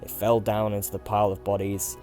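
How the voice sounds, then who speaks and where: A man telling a first-person horror story in a dramatic way, swinging from hushed mumbling to loud shouts. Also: fairly low pitch, monotone, fairly quick. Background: faint music.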